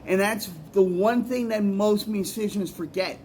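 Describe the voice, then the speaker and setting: A man's voice: high-pitched, a little slow, a little mellow, a little hiss or hum. A man, a musician and poet, giving rambling, earnest advice in a casual vlog, often repeating himself.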